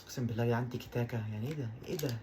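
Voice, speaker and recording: A man with an Egyptian Arabic accent giving excitable let's-play commentary on a football video game, repeating his exclamations over and over. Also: medium pitch, racing, slight background noise. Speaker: gaming YouTuber.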